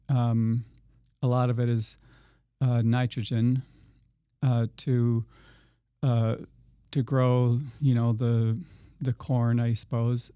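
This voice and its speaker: A man who farms organically, answering interview questions slowly, with many pauses, fillers and restarts. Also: medium pitch, mellow, smooth, no room sound, studio quality. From Iowa. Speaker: organic farmer guest. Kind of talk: podcast interview.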